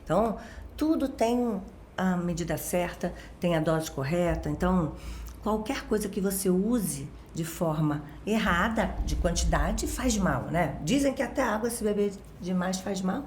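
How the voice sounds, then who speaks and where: A woman's voice: fairly low pitch, animated, measured pace, a little mellow, echoey room, slight background noise. A woman with a Rio de Janeiro accent, a guest expert explaining things in casual chat with everyday examples and constant tag questions. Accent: Rio de Janeiro Portuguese. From Brazil, born in Minas Gerais.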